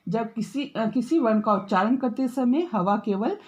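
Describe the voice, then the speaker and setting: A woman teaching a school grammar lesson, explaining step by step, checking in often with her pupils and drawing out example words slowly. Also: a little high, expressive. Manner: drawn-out, slowed example words.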